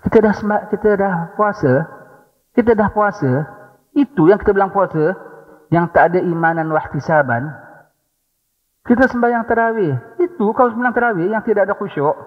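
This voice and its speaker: Malaysian preacher in an echoing hall. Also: male voice, high voice, fairly quick, pauses often. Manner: rhetorical "ha?" prompts, humorous asides. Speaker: religious teacher. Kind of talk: religious lecture. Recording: dull recording in a long-echoing hall.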